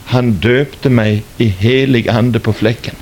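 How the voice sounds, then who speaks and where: A man's voice: medium pitch, fairly even intonation, darkish tone, slight background noise. An older man, a former stage entertainer, telling his religious testimony as a dramatic storyteller who likes rhetorical questions.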